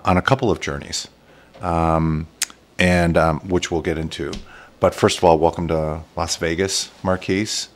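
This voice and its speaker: A man hosting a casual interview show, rambling with many fillers and restarts. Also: low voice. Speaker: show host. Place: Las Vegas.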